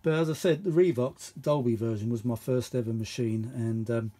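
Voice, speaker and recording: In a dark, mid-range voice at normal speed, a middle-aged man chats casually as host of a vintage audio video. The talk is unscripted and hands-on. He rambles and thinks aloud, often saying the same thing again.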